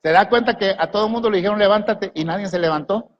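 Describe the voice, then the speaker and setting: A man's voice: high voice, quick pace, highs cut off, slight background noise. A man preaching a sermon as pastor, asking the congregation questions and giving them commands. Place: large church hall. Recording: long echo of a church hall.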